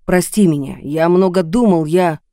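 Woman narrator doing an apologetic, halting young man in an audiobook, low mellow tone. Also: dry recording, studio quality, close to an everyday voice. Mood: remorseful. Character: remorseful young man on the phone.

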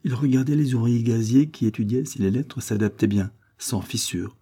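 A man reading a novel aloud as calm scripted narration. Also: mid-range voice, moderate pace, husky. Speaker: audiobook reader.

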